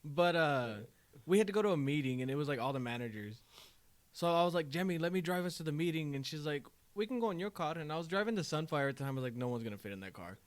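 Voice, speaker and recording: A man's voice: fairly high pitch, fast. Laughing young man telling car stories. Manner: animated storyteller, acts out quoted voices, laughs often. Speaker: podcast co-host. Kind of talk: casual storytelling chat.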